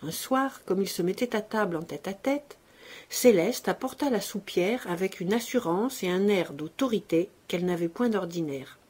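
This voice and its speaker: A woman reads a classic tale aloud, voice husky and breathy, pitched in the middle range. She leans into the drama, letting scenes swell and hush. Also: moderate pace. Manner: expressive, dramatic reading. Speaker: narrator. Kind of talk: storybook reading.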